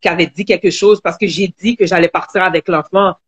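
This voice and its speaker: A woman with a Quebec French accent, a guest telling her own story in an online live interview, halting with many restarts. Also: lowish voice, steady tone, breathy edge, dull audio.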